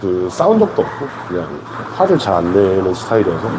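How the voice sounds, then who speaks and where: A man's voice: deep voice, very animated, a little fast. A man in his thirties, a table tennis coach chatting on a live stream, laid-back and repeating short phrases. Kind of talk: casual live-stream chat. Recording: noisy live-stream audio.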